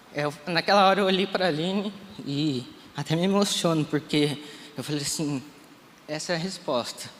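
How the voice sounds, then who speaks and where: A man in his thirties from Brazil, a pastor giving an emotional testimony in a live church service, acting out the conversations he retells. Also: a little high. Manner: emotional storytelling, re-enacting dialogue. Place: church sanctuary. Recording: reverberant hall, faint room noise.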